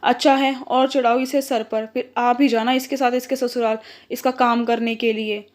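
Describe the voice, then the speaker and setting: A woman's voice: on the high side, level tone, moderate pace, a little mellow, lightly acted. A woman voicing a strict but caring middle-aged mother who scolds her daughter firmly. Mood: scolding. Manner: firm, scolding.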